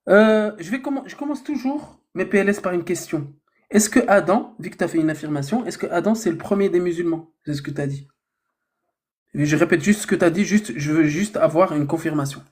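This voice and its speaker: A man's voice: high-pitched, brisk, a little mellow. A man hosting a live online debate, argumentative, quoting and reciting scripture verses. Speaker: debate host.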